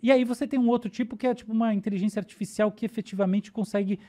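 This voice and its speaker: A woman's voice: a little high, steady tone, racing, dark tone. A woman with a Brazilian Portuguese accent, a neuroscientist guest on a podcast, explaining ideas in casual talk and often checking in with "tá?" and "né?".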